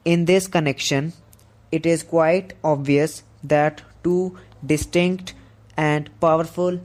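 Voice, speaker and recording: A man reading a scripted dictation for shorthand practice, in a deliberate, measured way with pauses between phrases. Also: on the high side, a little mellow.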